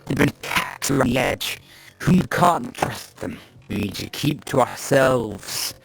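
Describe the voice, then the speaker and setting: A man voicing a slimy, suspicious male town official who argues loudly for his own militia. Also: low voice, huge pitch swings, unhurried, creaky, over music, heavily acted. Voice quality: slimy, oily. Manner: loud and insistent, nearly shouting. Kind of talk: tabletop role-play voice acting.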